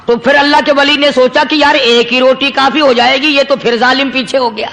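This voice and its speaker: A man's voice: very high voice, steady tone, gravelly, bright, forceful tone. A man preaching a sermon, telling a story with emphatic repetition. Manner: storytelling, emphatic repetition, chanted Arabic verses.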